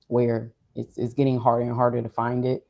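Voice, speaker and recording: A vlogger shares personal reflections in a casual monologue. The voice is mid-pitched, dark and mellow, with little melodic movement. Delivery is subdued, low in energy and unhurried. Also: completely flat delivery, creaky. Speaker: streamer or vlogger.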